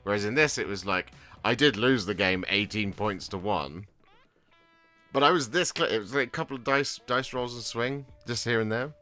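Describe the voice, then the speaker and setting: A man's voice: lowish voice, normal speed, pushed and bright, faint music behind. A man chatting casually on his hobby vlog, rambling with lots of restarts and fillers. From England. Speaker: hobby vlogger. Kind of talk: casual chat while painting miniatures.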